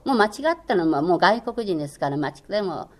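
An older woman who first spoke Chinese and used to teach languages on the radio replies to interview questions at a quick pace in an animated, lowish voice. She comes across as earnest and encouraging, with frequent hesitant fillers.

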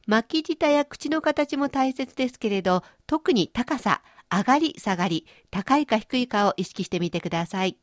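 With hardly any pauses, this woman speaks at a normal speed in a slightly high, animated voice. She's a language teacher hosting a radio-style lesson, using playful everyday images to explain pronunciation. The sound is dry and clean, straight from a studio.

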